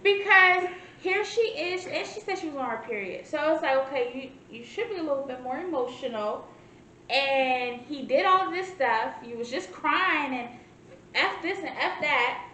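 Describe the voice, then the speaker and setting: A woman with a high voice co-hosts a casual review chat. She rambles, restarts her sentences and acts out her own imagined replies. The room echoes, with faint noise behind her. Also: expressive, moderate pace, a bit bright. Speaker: co-host reviewing a reality show.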